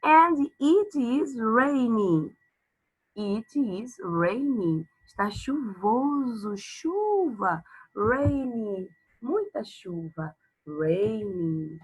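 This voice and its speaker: Woman, Brazilian accent, preschool teacher, very slow, husky, repetitive sing-song. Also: a little high, very animated, low-quality recording. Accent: Brazilian Portuguese. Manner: drills words, switching between English and Portuguese. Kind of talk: slow, repetitive lesson for young children.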